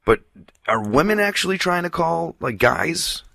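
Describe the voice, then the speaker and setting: A man with a raspy voice hosting a radio show, joking around in loose, crude banter with his guest. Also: a little high, very animated, unhurried, sharp tone, no echo, clean studio sound. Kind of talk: casual radio interview.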